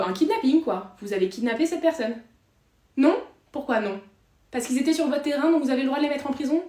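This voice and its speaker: A woman playing a blunt, sarcastic female investigator who fires off loud, rapid questions. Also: high-pitched. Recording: echoey room.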